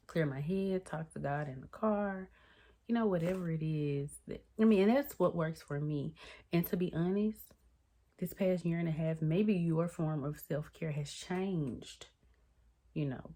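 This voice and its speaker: A vlogger in her thirties chats casually to the camera, calling her viewers y'all. She's chatty, and her pitch swings in lively ways.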